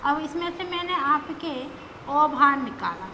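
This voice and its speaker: A woman's voice: high voice, big pitch swings, unhurried, pushed and bright, slight background noise, poor audio. A woman teacher explaining grammar step by step, patient, who often checks in with her students as she goes.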